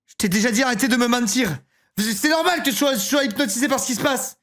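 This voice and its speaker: A woman's voice: fairly high pitch, fast, fairly bright tone. A woman streaming a story game, reading every line aloud and slipping into put-on voices for the characters. She talks in bursts, stopping often to swear or to comment on the scene. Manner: voices characters with mock accents, breaks into swearing and laughter. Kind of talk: reading a visual novel aloud with live reactions.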